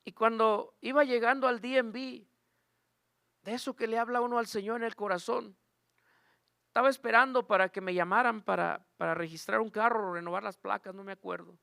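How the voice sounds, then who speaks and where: A man delivers an earnest sermon, weaving in his own testimony and calling out to the congregation. His voice sits high for a man. The sound is close and dry, with no room echo. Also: steady tone, fairly quick, creaky, bright, forceful tone, clean tone. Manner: earnest storytelling, addresses church as brothers and sisters. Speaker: preacher.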